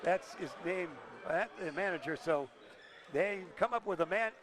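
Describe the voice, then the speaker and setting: An older man calling high school basketball play-by-play with rapid, excited calls and chatty asides in a school gym. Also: crowd noise. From Illinois. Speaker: play-by-play announcer.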